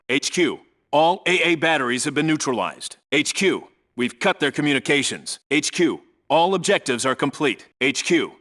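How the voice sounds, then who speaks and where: For a military video game, an actor voices a no-nonsense Navy SEAL team leader giving clipped, businesslike, authoritative reports and squad orders. His medium-pitched voice sounds pushed and bright.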